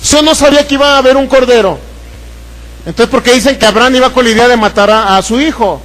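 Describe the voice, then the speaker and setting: A man's voice: extremely high pitch, fast, fairly bright tone, low-quality recording. A man with a Mexican Spanish accent preaching a sermon, putting questions to the congregation and acting out Bible scenes. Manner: acts out voices from the Bible story. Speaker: pastor.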